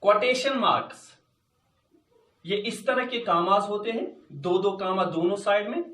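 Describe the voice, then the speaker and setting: Slow man teaching in an echoey room. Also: sits high, a bit bright, distant mic. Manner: slow, repeats words, mixes English and Hindi. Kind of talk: classroom lesson on punctuation.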